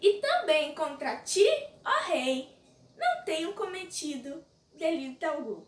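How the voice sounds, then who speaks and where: Daniel, a calm and faithful prophet voiced by a woman, speaks in a very high, lively voice. Each phrase is drawn out slowly and reverently. The room echoes, and the mic sits at a distance. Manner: slow, drawn-out solemn delivery. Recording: roomy echo, distant mic.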